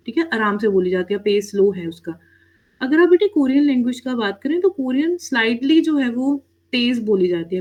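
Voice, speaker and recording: Her voice is mellow and on the high side. This woman leads an online Korean lesson, dropping in English words and constantly checking whether students are with her, calling them "beta" and asking "theek hai?" frequently.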